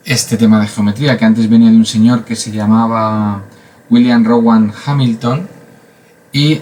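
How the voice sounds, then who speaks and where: A man's voice: lowish voice, darkish tone, a little hiss or hum. A man from Spain giving a casual math lesson, chatty and full of fillers and asides. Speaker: math teacher.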